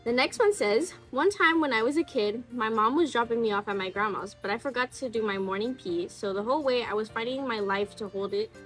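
A woman's voice: a little high, brisk, few pauses, a bit bright, soft background music. A woman in her twenties hosting a casual chat, reading messages aloud and commenting in an informal, slangy way. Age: 20s. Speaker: host reading viewer confessions.

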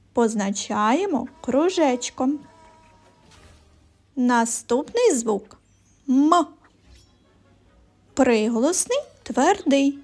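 A woman teaching a phonics lesson to young children, explaining sounds slowly and clearly in a sing-song way. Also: a little high, a little mellow. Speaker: primary school teacher.

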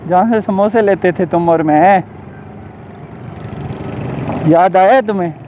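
Casting: young Saraiki-accented man, high voice, playful teasing vlogger, muffled bike-cam audio with faint traffic. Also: takes it slowly. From Pakistan. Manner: teasing, repeats himself, calls out loudly. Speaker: motovlogger. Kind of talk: casual vlog chat. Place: riding a motorbike outdoors in town.

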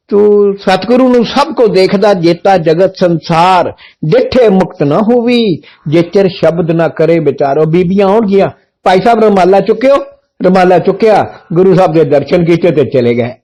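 High-voiced blunt male preacher. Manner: blunt, forceful military-style way of speaking; emphatic, with rhetorical questions. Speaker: Sikh preacher. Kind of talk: religious sermon talk.

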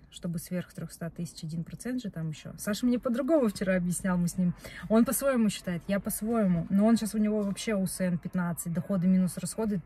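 A young woman with a mid-range, dark, slightly rough voice vlogs from a parked car, her phone camera on the dashboard. She's chatty and rambling, talking casually to camera and often correcting herself as she goes.

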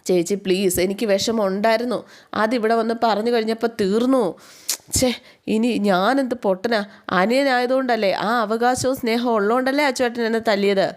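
A woman voicing a gentle, hurt young man who pleads softly with his sister. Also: fairly high pitch, fairly even intonation, brisk, voice pushed up, close to an everyday voice. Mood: pleading.

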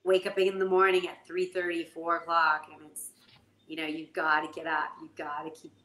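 A woman in her forties from Canada, a jockey guest telling stories in an animated, casual way full of fillers. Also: low-pitched, normal speed. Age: 40s. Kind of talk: casual interview storytelling. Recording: echoey room, faint noise.

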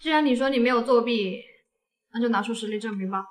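A woman playing a calm, authoritative elderly male school principal in a comedy skit, with an official manner. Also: on the high side, fast, close to an everyday voice. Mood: stern calm.

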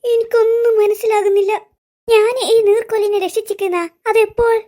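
A voice artist playing a loud, muddled middle-aged cartoon auntie, who stammers when flustered. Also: very high-pitched, little pitch movement, a little fast. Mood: confused. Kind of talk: cartoon voice acting.

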